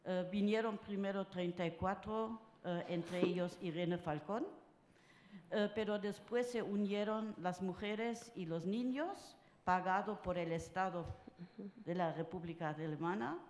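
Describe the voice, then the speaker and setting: An older woman from France speaking at a round-table panel, halting and full of filler sounds. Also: lowish voice, darkish tone. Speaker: conference panelist. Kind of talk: personal talk at a round table. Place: conference hall. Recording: roomy conference hall sound.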